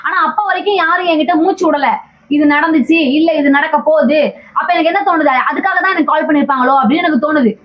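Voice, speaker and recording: High-pitched, fast-talking woman, pleading. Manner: pleading, accusing, repeats the other's name. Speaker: vlogger in a staged argument. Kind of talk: heated confrontation. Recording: dull lo-fi sound.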